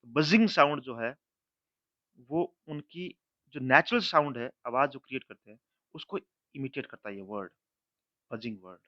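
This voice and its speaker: A male college lecturer with an Indian accent explains literature in Hindi, drawing out example sentences slowly and voicing the sounds himself. His voice sits at an ordinary pitch. The recording is dry and somewhat dull. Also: animated, a bit bright, no echo. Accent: Indian English. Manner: slow, emphatic reading of example lines, imitating sounds aloud. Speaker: assistant professor of English.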